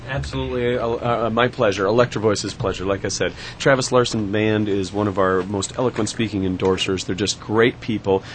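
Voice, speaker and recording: A man's voice: on the low side, steady tone, a little fast, few pauses, a little hiss or hum. Effusive male sponsor rep on radio. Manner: upbeat, effusive, promotional. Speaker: sponsor representative. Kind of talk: casual on-air chat. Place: radio station studio.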